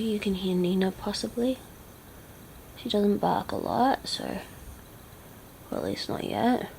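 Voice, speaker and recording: A woman's voice: mid-range voice, darkish tone, slight background noise, rough recording. A woman vlogger chatting casually through a makeup tutorial, often dropping into half-whispers as she concentrates. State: teary-eyed.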